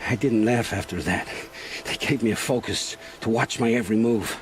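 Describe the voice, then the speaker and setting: Background noise accompanies a male actor with a medium-pitched, natural voice playing a scared scavenger turned informant in a game drama. Weary and regretful, he recounts things haltingly in grim, homespun turns of phrase.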